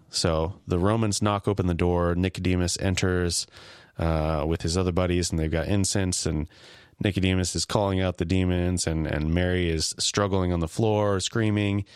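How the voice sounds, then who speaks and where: Man, very low voice, dry close sound, casual podcast co-host, halting recap. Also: fairly even intonation, smooth, dry recording. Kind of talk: casual discussion, recapping a TV episode.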